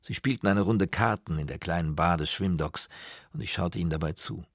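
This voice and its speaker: A man reading a story aloud in calm, even first-person narration, close to the mic. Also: sits low, fairly quick, dry recording. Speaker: audiobook narrator.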